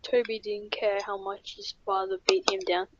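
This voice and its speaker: A woman narrating a horror story in a plain, steady reading voice. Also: mid-range voice, normal speed, dry recording. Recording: dull lo-fi.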